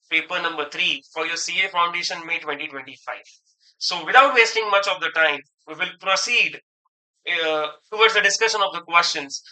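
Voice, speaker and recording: A young man with an Indian accent teaches a math lesson, slipping between Hindi and English. His voice is high and strikingly bright. He works through each step at an unhurried pace and keeps checking that his students are following. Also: rough recording. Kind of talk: online math lecture.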